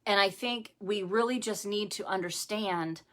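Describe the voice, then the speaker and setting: A woman's voice: mid-range voice, a little slow, fairly bright tone. A middle-aged woman hosting a live-streamed devotional talk from home, speaking conversationally with many fillers and repeated phrases. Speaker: ministry host.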